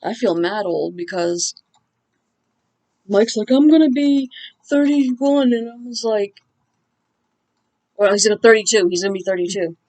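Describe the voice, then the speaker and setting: A woman's voice: medium pitch, steady tone, moderate pace, pauses often, darkish tone. A woman in her forties hosting an unboxing vlog, chatting casually and joking, laughing often. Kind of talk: casual chat.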